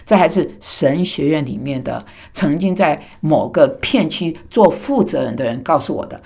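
A woman raised in Taiwan delivers a sermon in a somewhat low voice. She wanders into chatty side stories and fills her pauses with ums and ahs. Her delivery stays animated throughout. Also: gravelly, breathy edge. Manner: animated, chatty asides with many fillers. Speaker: preacher.

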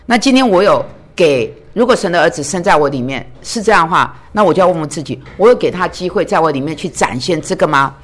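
A woman preaching a sermon in an earnest way, often putting questions to her listeners. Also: lowish voice. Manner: earnest, asks the listeners many rhetorical questions.

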